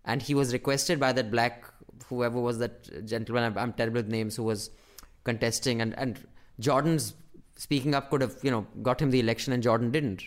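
A man's voice: medium pitch, fairly even intonation, brisk. A man with a North Indian accent chatting casually and emphatically as a podcast co-host, swearing freely. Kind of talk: casual opinionated chat.

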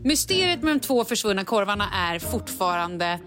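A woman, a mother of a small child, chatting casually and telling stories with lively acted-out quotes. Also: medium pitch, over music. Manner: animated storyteller who acts out quotes. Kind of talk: casual chat.

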